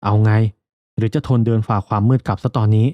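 A man's voice: lowish voice, steady tone, quick pace, no echo, highs cut off, lightly acted. A man voicing a brusque young male laborer in a ghost story.

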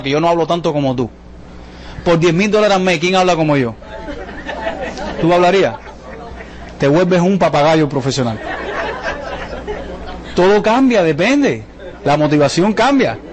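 Fast, high-voiced presenter. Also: male voice, a little hiss or hum. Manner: jokey, rapid-fire, full of rhetorical questions. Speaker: business presenter. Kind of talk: motivational sales presentation. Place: event room with a live audience.

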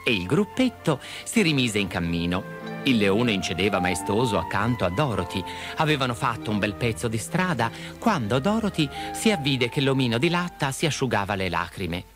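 Man, storybook narration, lively up-and-down delivery, music underneath. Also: medium pitch, moderate pace. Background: background music.

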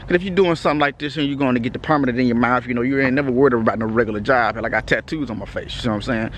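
Outdoors at night, a vlogger from Texas talks to his viewers in a relaxed, easygoing way, peppering his casual update with "you know what I'm saying." He speaks with a Texas accent at medium pitch, rapid-fire, and there's slight background noise.

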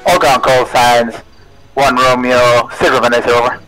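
A man speaking over a distant radio intercom, his delivery level and unvarying. He reads out call signs in a steady, formal way, with the clipped rhythm of radio procedure. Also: medium pitch, normal speed, faint music behind. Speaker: radio operator in a team military game.

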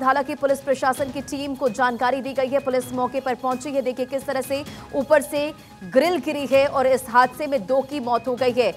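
A female news anchor presenting breaking news in an urgent, formal way and putting probing questions to a reporter. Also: sits high.

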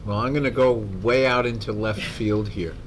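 A man's voice: fairly low pitch, moderate pace, slight background noise. A man on a cigar talk show, joking in casual chat with a cigar in his mouth. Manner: joking, chatty. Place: TV studio.

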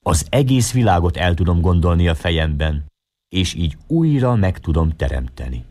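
A man's voice: low-pitched, big pitch swings, mellow, no room sound. A man voicing a proud European man who lectures earnestly about his intellect, in an audiobook reading. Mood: insistent.

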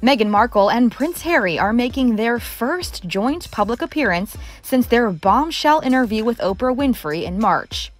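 A woman presenting an entertainment news report as a scripted voice-over with brisk, polished delivery. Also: on the high side, animated. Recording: faint music bed under a studio voice-over.

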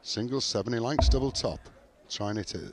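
A man's voice: mid-range voice, a little fast. A man giving live sports commentary on a darts match. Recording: noisy crowd behind commentary. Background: crowd noise.

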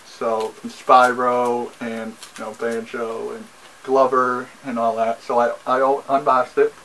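A young man chatting through a casual haul video in a mid-pitched voice, rambling and circling back with frequent ums. He sits in a small bedroom, recorded on the camera's own mic, with a faint hiss in the background. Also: little pitch movement, unhurried. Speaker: vlogger. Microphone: camera mic, seated facing camera.

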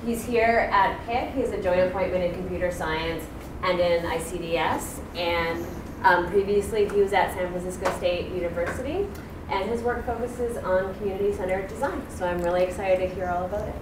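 A woman's voice: fairly low pitch, steady tone, normal speed. A woman giving a short, upbeat introduction of a guest speaker in a classroom. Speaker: faculty member introducing the speaker. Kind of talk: formal introduction. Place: classroom lecture room. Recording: echoey room from far off, noisy.

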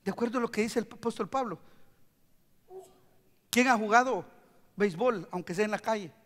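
A male pastor preaches with animated energy, dropping to hushed tones and then rising loud as he acts out quotes. His voice sits very high and sounds bright and forceful. A long reverb trails behind him in the church hall. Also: moderate pace. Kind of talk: sermon. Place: church sanctuary.

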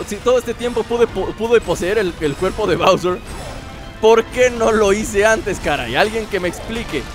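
Young male let's-player; high voice, playful slangy commentary over faint game music. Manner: playful, mock-dramatic, slangy asides. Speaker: gameplay commentator. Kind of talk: joking let's-play commentary.

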